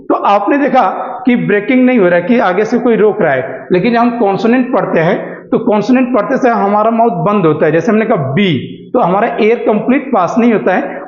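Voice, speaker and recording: A man with a high voice teaches a beginners' pronunciation class. He keeps asking questions and answering them himself, and he stretches out example words. The room is echoey, and the recording sounds dull and lo-fi. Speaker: English teacher. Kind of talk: classroom-style lesson explaining pronunciation.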